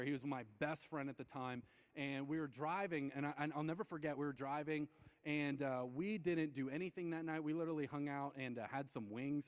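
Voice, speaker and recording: A young adult man giving a youth sermon. He tells stories with lots of fillers and acts out the quotes with big jumps in pitch. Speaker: youth pastor. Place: church hall. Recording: long reverb of a large hall.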